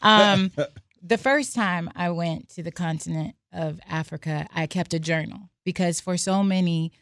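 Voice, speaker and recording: A woman's voice: fairly low pitch, measured pace, fairly bright tone, no echo, clean studio sound. An American woman on a podcast, telling reflective personal stories and reading aloud from her journal. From United States. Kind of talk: casual podcast discussion.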